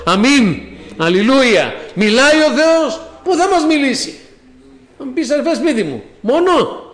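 High-voiced fervent male preacher. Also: echoey room. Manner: fervent, peppered with amen and hallelujah; addresses listeners as brothers and sisters. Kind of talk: sermon.

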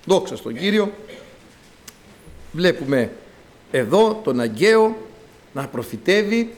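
A man's voice: high-pitched, big pitch swings. A man preaching a sermon to his congregation, emphatic and exclamatory, calling out to the brothers. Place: church.

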